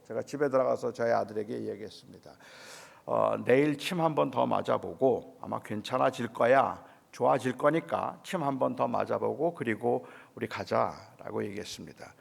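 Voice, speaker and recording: Male pastor, middle-aged, heavy vocal fry, mid-pitched, quiet storytelling sermon in a church. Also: in a large hall. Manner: quiet personal storytelling, dropping to hushed tones. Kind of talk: sermon at a dawn revival service. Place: church sanctuary.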